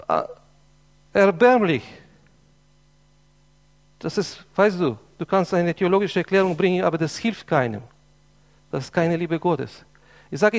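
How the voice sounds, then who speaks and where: A man preaching a sermon with impassioned, emphatic delivery, repeating phrases for weight, his German phrasing not quite native. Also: sits high. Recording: long hall reverb.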